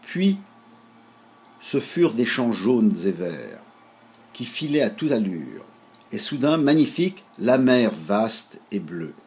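A man reading a children's story aloud with a husky voice, in an animated, expressive way. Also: mid-range voice, slow.

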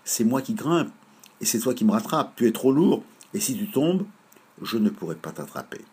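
A man voicing a bold, lively little girl in a storybook reading, calling out high and loud. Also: moderate pace, breathy edge. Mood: eager, excited. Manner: high, loud, excited cries.

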